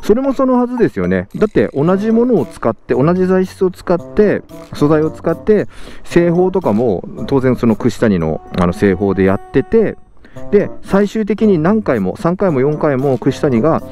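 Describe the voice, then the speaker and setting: A man's voice: fairly high pitch, sing-song, moderate pace, mellow, faint music behind. A young man vlogging about his motorcycle gear outdoors in a parking lot, talking from inside a full-face helmet and often stopping to correct himself. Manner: chatty, frequent fillers and self-corrections. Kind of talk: casual vlog talk. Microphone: helmet-mounted mic, speaking inside a full-face helmet.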